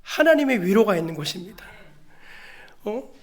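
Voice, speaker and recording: A man's voice: sits high, very animated, normal speed. A male pastor preaching a sermon in a church, emphatic, with rhetorical questions to the congregation and calls to read scripture aloud together. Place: church sanctuary.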